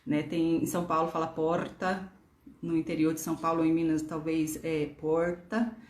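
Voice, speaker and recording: A woman teacher with a Brasília Portuguese accent gives an online grammar lesson, patiently explaining rules and spelling words out letter by letter. Her voice is deep, dark-toned and monotone, her pace quick, and the room echoes.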